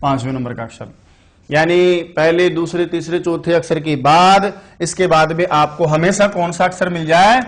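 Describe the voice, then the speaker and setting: A man teaches Sanskrit in an online class for exam preparation, telling chatty stories, questioning his students, and explaining things slowly and deliberately. His voice is a little high.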